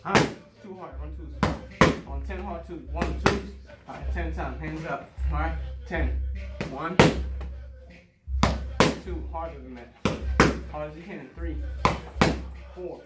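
Male boxing trainer, higher-set voice, terse encouraging calls over glove hits, recorded at a distance in a gym. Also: slow, pauses often. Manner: clipped, repetitive, encouraging commands amid physical exertion; calling out while taking punches on mitts. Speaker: boxing coach. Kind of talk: calling pad-work drills in short commands. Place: large indoor boxing gym. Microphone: far camera. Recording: roomy gym, distant mic, loud music behind. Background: loud music, thuds of punches on mitts.

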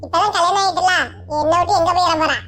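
A woman's voice: very high-pitched, steady tone, fast talker, fairly bright tone, voice pushed down. A woman playing a bossy young husband. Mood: taunting. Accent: Kanyakumari Tamil. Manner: bossy, taunting. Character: hot-tempered young husband.

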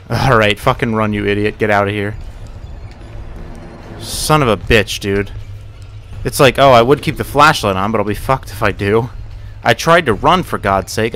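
A young man with a fairly low, slightly bright voice narrates his horror gameplay for his gaming channel, with a little hiss or hum in the recording. It's casual let's play commentary, full of rambling, swearing and muttering. He yelps and curses whenever something jumps out.

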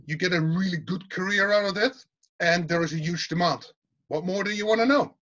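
A middle-aged Dutch university teaching fellow, the lecturer type, gives casual interview answers over a video call. His slightly higher, fairly bright voice moves fairly quickly, chatty and informal, often repeating words and restarting. The call audio is muffled, dull, and lo-fi.

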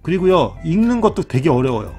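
Man lecturing with lively, bouncing pitch. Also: a little fast. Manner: repeats key words, constant tag questions. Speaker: lecturer on a channel. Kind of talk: casual explanatory lesson. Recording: faint background music.

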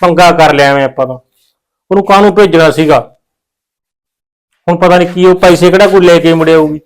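A man's voice: fairly high pitch, fairly even intonation, fairly quick, clear, resonant tone, close to an everyday voice. Man playing a fretful Punjabi villager. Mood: fretting. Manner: worried muttering to himself. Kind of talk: village short film acting.

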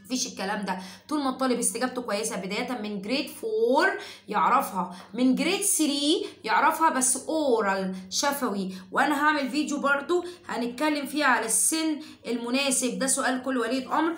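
A high-pitched woman with an Egyptian Arabic accent, teaching English to parents in a chatty, lively way. She slips into little chanted drills between her explanations. Her voice rings in a roomy, echoey space. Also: fast. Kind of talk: explaining and singing a lesson for parents.

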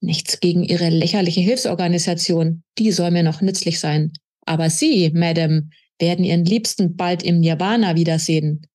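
A woman reading the lines of a menacing, corrupt male minister who mocks and threatens, in a husky voice. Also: lowish voice, steady tone, moderate pace, few pauses, a little mellow, lightly acted. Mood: sneering menace. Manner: mocking, threatening.

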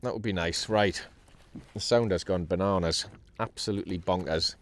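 With a low-pitched voice at normal speed and slight background noise, a kayak angler from North East England keeps his sea fishing vlog cheerful and chatty. The action camera on his kayak catches his excited outbursts each time a fish is hooked.

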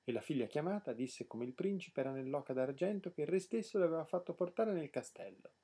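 Husky man reading a fairy tale. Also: a little high, quick pace. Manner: expressive, lively reading. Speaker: storyteller. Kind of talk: storybook narration.

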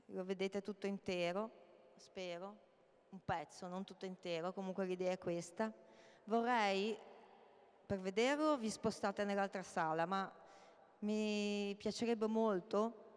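Brief: middle-aged woman artist, hesitant public talk, smooth clear voice, reverberant hall. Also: medium pitch. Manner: halting, with many hesitations. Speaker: artist presenting her projects. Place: large hall, indoors. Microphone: handheld mic. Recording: long reverb of a large hall.

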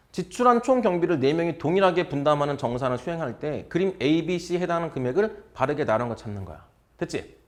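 A man lecturing on exam math problems in casual speech, drilling students with constant check questions. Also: fairly high pitch. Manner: blunt informal speech.

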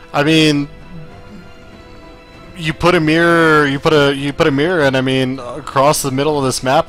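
Tired man casting a strategy game. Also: mid-range voice. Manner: relaxed, chatty, self-correcting, occasional laughs. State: tired after a long day. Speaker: esports caster. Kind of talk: solo play-by-play game commentary.

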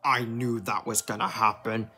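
A young fan voicing a boastful, short-tempered male penguin king who blusters, repeats himself and yells insults. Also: mid-range voice, level tone, normal speed, husky, faint music behind. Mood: bored.

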